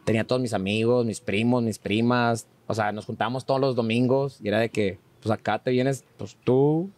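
A man's voice: a little fast, no echo. A man, a podcast guest chatting casually and telling stories with lots of "verdad". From Monterrey, Mexico. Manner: animated, acts out quoted voices with rising pitch; frequent fillers like "¿verdad?". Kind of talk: casual conversational storytelling.

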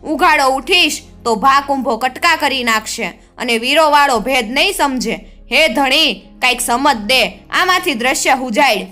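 A woman's voice: sits high, measured pace, pushed and bright, faint music behind. A woman voicing a proud, shrewd and loyal Mer warrior man in a folk tale, speaking earnestly. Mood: anguished.

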